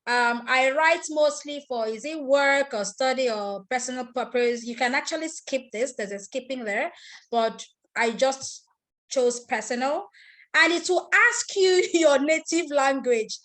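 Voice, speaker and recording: A woman's voice: high-pitched, a little slow, fairly bright tone. A Nigerian woman, a native Igbo speaker, teaching an online class over a video call, explaining step by step, repeating herself and asking attendees questions. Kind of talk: live screen-share tutorial.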